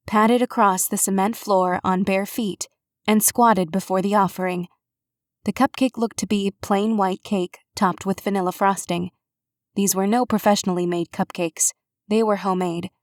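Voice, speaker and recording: Woman audiobook narrator, measured even read, mid pitch, dry close studio mic. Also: no room sound. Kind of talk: scripted narration.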